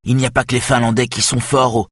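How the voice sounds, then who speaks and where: A man's voice: mid-range voice, level tone, quick pace, fairly bright tone, husky, no room sound, studio quality, pitched above the performer's own voice. A man voicing a nervous, defiant young male hacker who talks in a tense, insistent way.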